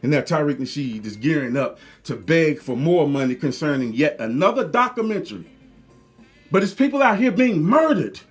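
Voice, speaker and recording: A man's voice: on the high side, very animated, normal speed, faint music behind. A man ranting heatedly to his viewers, profane, preachy and repetitive. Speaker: video commentator. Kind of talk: angry rant to camera.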